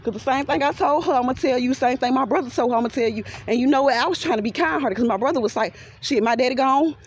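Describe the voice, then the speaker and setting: A woman's voice: high-pitched, very fast, a little hiss or hum. A woman with a Southern US accent, venting animatedly to her followers in a walking vlog, laughing often and talking straight to the viewers. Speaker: vlogger. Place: outdoors walking by a pond.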